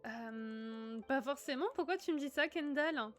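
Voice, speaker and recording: A woman's voice: high-pitched, unhurried, faint music behind. A woman from northern France chatting casually with her viewers while playing a game on a livestream. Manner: chatty, reads chat aloud, sudden excited outbursts. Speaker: streamer. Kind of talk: casual gaming livestream chat.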